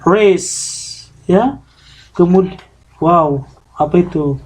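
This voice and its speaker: A man teaches English in a classroom. His voice sits high, and he speaks at an unhurried pace. He slips English phrases into his explanations and drags out single words when drilling pronunciation. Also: a little mellow, slight background noise. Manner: mixes English into Indonesian explanations. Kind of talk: classroom lesson.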